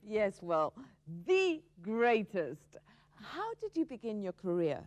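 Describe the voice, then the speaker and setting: A woman's voice: medium pitch, big pitch swings, a little slow, highs cut off. A woman playing a prim, polite TV interviewer in a sketch, formal and restrained. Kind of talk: TV sketch comedy acting.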